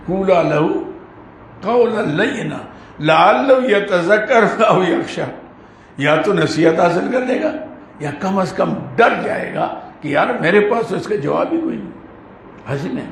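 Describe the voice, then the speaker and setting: Man, Quran commentary lesson, earnest conversational delivery, slow Arabic recitation, gravelly voice, faint background hum. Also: high-pitched, roomy sound. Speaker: Islamic scholar teaching Quran commentary.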